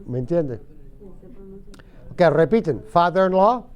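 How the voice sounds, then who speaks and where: Drilling vocabulary with his class, a middle-aged male ESL teacher lingers over every word and leads patient call-and-repeat practice. His voice is a bit high for a man yet soft, mellow and expressive, with the highs cut off in the audio.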